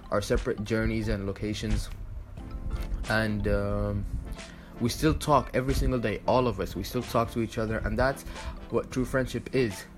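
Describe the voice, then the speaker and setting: Young guy rambling to the camera, lots of ums and restarts, lowish voice. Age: 20s. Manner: rambling, filler-heavy, restarts often. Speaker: vlogger. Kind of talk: casual talk to camera.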